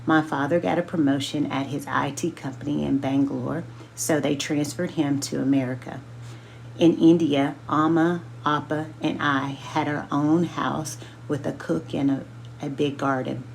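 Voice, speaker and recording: A woman reading a children's book aloud as a book club host, slowly and carefully sounding out names. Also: low voice, steady tone, vocal fry, a little hiss or hum.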